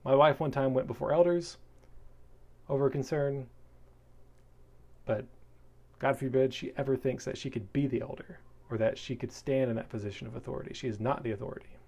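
A man's voice: medium pitch, fairly quick, creaky, long pauses. Married man reading aloud and commenting. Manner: reads in a steady tone, then grows loud and animated in asides; conversational, with fillers and short laughs.

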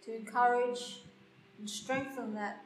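A woman guiding a slow meditation in a soft, hushed, unhurried voice with long pauses. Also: on the high side, fairly even intonation. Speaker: podcast host and meditation guide. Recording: roomy, echoing sound with faint music.

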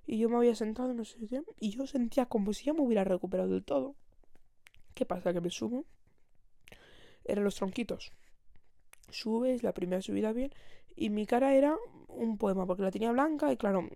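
Young Spanish woman, warm rambling storyteller. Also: fairly high pitch, brisk, gravelly, pauses often, dry recording, studio quality. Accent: Spain. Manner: rambling, self-correcting, laughs often. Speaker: podcast host. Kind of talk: casual anecdote telling.

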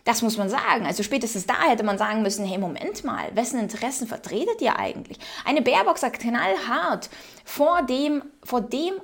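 A woman's voice: fairly high pitch, animated, normal speed, vocal fry. A woman from Ukraine hosting casual political commentary, reading out news quotes and reacting with her own opinions.

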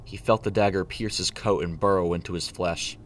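Male narrator for a storybook reading: deep voice, steady and even delivery, faint noise behind him. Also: brisk.

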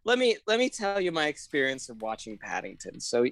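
A woman's voice: sits low, big pitch swings, brisk, no room sound. A woman co-hosting a casual film podcast, gushing and swearing freely as she talks. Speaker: podcast co-host. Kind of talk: casual film review chat.

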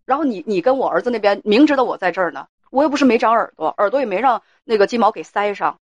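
A woman's voice: mid-range voice, expressive, fast talker, no echo, lightly acted. A woman voicing an indignant older mother-in-law who scolds her daughter-in-law with rhetorical questions.

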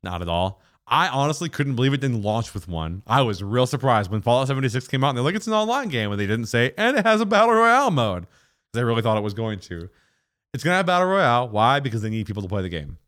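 A man co-hosting a casual gaming chat, his pitch swinging widely as he jumps between thoughts. He swears freely and acts out quotes in passing. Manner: animated, swearing, quick asides and acted-out quotes. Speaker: podcast co-host.

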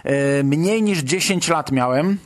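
Higher-pitched man hosting a casual podcast. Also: takes it slowly. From Poland. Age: late 30s. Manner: conversational, reminiscing. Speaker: podcast host. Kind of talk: casual solo film podcast talk.

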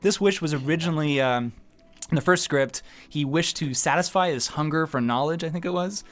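A man's voice: a little high, a little fast. A man giving casual, joking commentary as a film's director, with self-deprecating humour.

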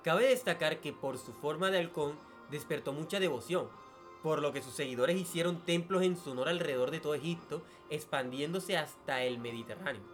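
A man's voice: a little high, fairly quick. A young man co-hosting a casual podcast, talking loosely with slang and trailing asides. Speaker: podcast co-host. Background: faint background music.

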